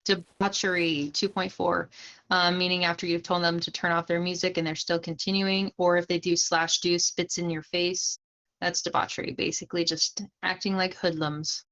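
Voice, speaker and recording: A woman's voice: fairly low pitch, level tone, moderate pace, a bit bright, muffled recording. A young woman casually explaining roleplay police charges on a livestream, chatting to viewers and laughing easily.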